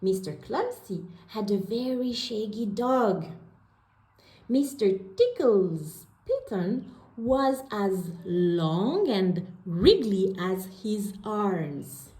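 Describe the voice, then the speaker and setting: A woman reads a children's picture book aloud, telling the story in an expressive, deliberate way. Her voice is medium in pitch and the sound is reverberant.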